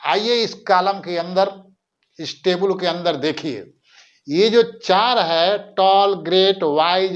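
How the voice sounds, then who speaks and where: Slow, high-voiced grammar teacher. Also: male voice, dull audio. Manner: slow, repeats words to drill them. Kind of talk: grammar lesson with whiteboard explanation.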